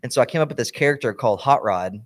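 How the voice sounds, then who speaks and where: A man's voice: mid-range voice, expressive, racing. A young man co-hosting a podcast in casual chat, rambling with lots of fillers and restarts. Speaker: podcast co-host.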